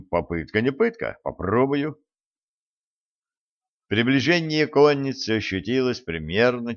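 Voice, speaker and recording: A man's voice: lowish voice, highs cut off. Man narrating an adventure audiobook. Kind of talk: scripted narration.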